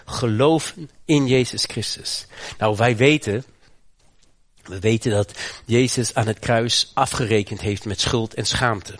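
A man from the Netherlands preaching a sermon with passion, swinging from low, grave lines to high, fervent ones, often repeating words as he builds. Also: measured pace, no echo. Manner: repeats words and restarts phrases. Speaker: pastor.

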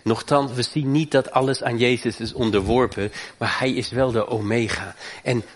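A man's voice: fairly even intonation, normal speed. Fervent preacher man. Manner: fervent, emphatic, climbing in pitch on key points. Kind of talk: sermon.

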